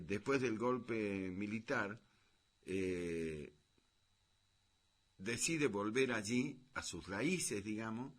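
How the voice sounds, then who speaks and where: A man's voice: mid-range voice, a bit bright, breathy edge. A man giving a radio editorial, telling anecdotes and acting out the quoted dialogue. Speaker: radio commentator. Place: radio studio.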